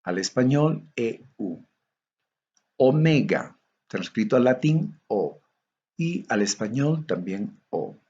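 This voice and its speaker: A man from Bolivia giving a recorded theology lecture, going methodically through tables of Greek letters in a slow, measured way. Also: medium pitch, very animated, mellow, breathy edge, muffled recording.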